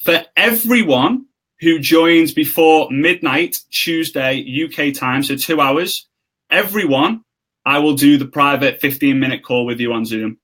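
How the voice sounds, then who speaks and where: A young man hosting a live stream, excitable and salesy, joking with his guest and pitching offers to viewers. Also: unhurried. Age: young adult. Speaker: host. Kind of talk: casual live-stream chat.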